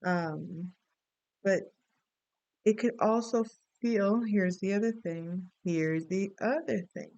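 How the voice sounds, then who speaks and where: A middle-aged woman from the Dominican Republic chats her way through a rambling story during a reading. Her voice has a gravelly fry, yet it stays smooth and resonant. The sound is close and dry. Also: mid-range voice, takes it slowly, darkish tone, no echo, dull audio. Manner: rambling, chatty storytelling with many asides. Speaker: astrology and tarot reader. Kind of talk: casual spoken reading.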